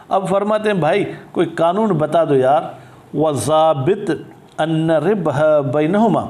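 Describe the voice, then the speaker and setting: A man teaching a religious law text, reading Arabic phrases slowly and then explaining them, often asking and answering his own questions. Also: on the high side, a little mellow. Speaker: teacher of Islamic jurisprudence.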